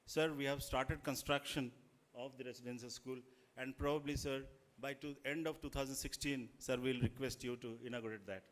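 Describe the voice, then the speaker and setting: A man with an Indian accent gives a formal, deferential public speech in deliberate short phrases. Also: mid-range voice, fairly even intonation. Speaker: school chairman addressing a chief guest.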